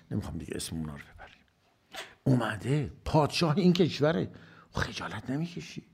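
Husky-voiced man preaching with rhetorical questions. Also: medium pitch. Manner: rhetorical questions answered himself, rising to emphatic bursts. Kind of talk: religious sermon.

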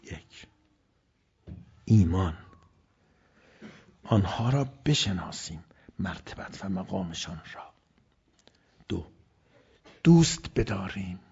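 A man giving a religious sermon, swinging between loud emphasis and hushed, near-whispered lines. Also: low-pitched, animated, creaky, pauses often, slightly rough. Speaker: preacher. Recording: dull lo-fi recording.

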